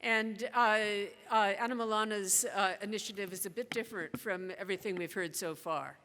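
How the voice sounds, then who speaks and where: A woman moderating a conference panel, stumbling over her words as she introduces the next speaker. Her voice sits at a middling pitch and rings through a large echoing hall. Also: a bit bright. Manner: halting, stammering, informal. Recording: reverberant hall.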